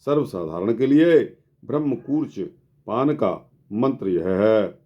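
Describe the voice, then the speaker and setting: Brief: male scripture narrator, slow and deliberate, speaks to listeners as friends, slightly muffled lo-fi sound. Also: mid-range voice, lively intonation. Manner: measured, addresses listeners as friends. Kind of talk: reading and explaining scripture.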